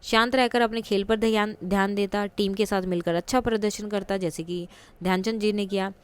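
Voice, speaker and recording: A woman's voice: medium pitch, steady tone, brisk, smooth. A woman teaching a school textbook lesson, explaining patiently step by step with examples and questions to the class.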